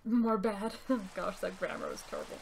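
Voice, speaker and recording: A woman's voice: medium pitch, animated, moderate pace, gravelly, background noise. A woman streamer giving casual gameplay commentary in a chatty, self-deprecating way.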